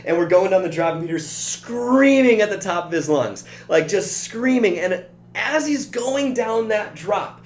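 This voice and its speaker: A man coaching his listeners in an earnest, direct motivational talk. His voice sits slightly high for a man and rings in a roomy space. A faint hum runs underneath. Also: animated, measured pace.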